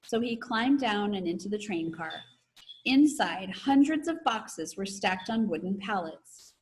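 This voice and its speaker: Over a video call in an online class, a woman teacher reads aloud to her pupils and leads their discussion in an encouraging way. Her voice is medium in pitch, and the audio quality is poor.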